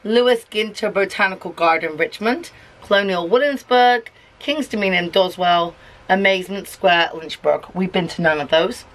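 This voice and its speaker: A woman's voice: mid-range voice, normal speed. A mother reading a picture book aloud to her toddler in a coaxing, sing-song way, stopping to ask him questions. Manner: coaxing, sing-song, stops to quiz the child. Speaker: parent reading to her child.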